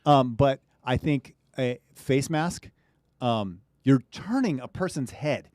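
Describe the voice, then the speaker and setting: A man's voice: mid-range voice, lively intonation, slow, a little mellow, no echo, clean studio sound. A man co-hosting a casual football podcast, asking leading questions with jokey asides. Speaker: podcast co-host. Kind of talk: casual chat about football.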